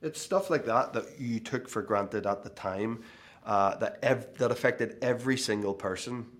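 A man's voice: mid-range voice, normal speed. A man in his thirties with a Northern Irish accent, a guest speaking casually in an interview with many fillers and restarts. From Northern Ireland. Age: 30s. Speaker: actor guest.

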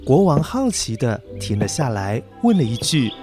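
Hosting a children's story podcast, a man narrates a tale and speaks to young listeners in a coaxing, explanatory way. His medium-pitched voice swings widely in pitch at a moderate pace, with music playing behind him.

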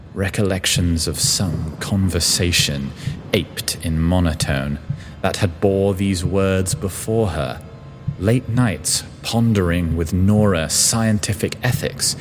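A man narrating his own spooky verse story with a slow, solemn, rhythmic recitation. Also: very deep voice. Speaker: narrator and author. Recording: long reverb with faint hiss.

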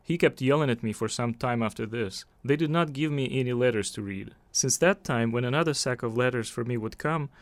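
A man speaking as an interpreter, voicing a translated first-person testimony over recorded video in a steady, measured way. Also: mid-range voice, no echo. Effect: live interpreter voice-over laid over a filmed statement.

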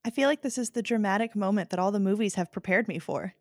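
A woman's voice: medium pitch, quick pace, no room sound, studio quality. A woman co-hosting a comedy trivia podcast, earnest and mock-dramatic. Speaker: podcast co-host. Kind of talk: playful comedic banter.

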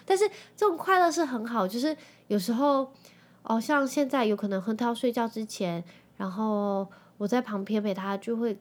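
A woman in her thirties with a Taiwanese Mandarin accent, hosting a podcast in a chatty, animated way and dropping in English phrases. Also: medium pitch. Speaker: podcast host. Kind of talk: casual chat.

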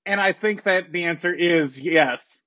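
A man's voice: high-pitched, measured pace, sharp tone, dry recording, dull audio. A man speaking as a guest tournament commissioner on a video call, moving between mock-formal statements and casual chat. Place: tiled hallway at home, video call.

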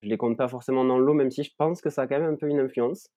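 Mellow-voiced young man with southern French accent. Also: mid-range voice, fairly even intonation, rapid-fire, no room sound. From southern France, Ariège. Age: 20s. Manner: thoughtful, many fillers and restarts. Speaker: guest, content creator. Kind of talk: reflective conversational storytelling. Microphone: remote recording.

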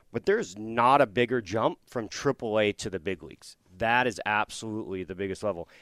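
A man with a clear, medium-pitched voice breaks down baseball as an analyst. The talk is casual and the sound is close and dry. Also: no echo.

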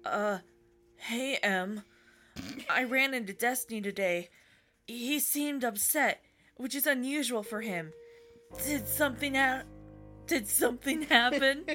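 A woman's voice: on the high side, a little slow, pauses often, sharp tone. A woman voicing an earnest, concerned teenage anime boy in a strained, generic anime-boy manner. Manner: strained, put-on boyish delivery. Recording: music under the voice.

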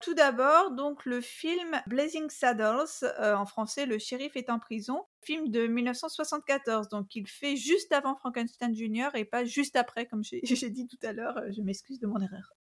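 A woman co-hosting a casual podcast about musicals, hesitant with many fillers and quick to laugh. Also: on the high side. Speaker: podcast co-host.

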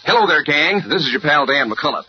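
A chummy American man announces like an old radio pitchman, high in pitch with lively swings. It is a dull vintage recording of a peppy sponsor spot. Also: brisk, loud music behind the voice. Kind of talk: 1940s radio advertising pitch.

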